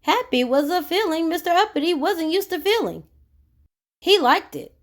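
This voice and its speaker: This is an animated read-aloud of a children's storybook by a woman with a very high voice, delivered at a moderate pace. She tells the story expressively and puts questions to the children listening.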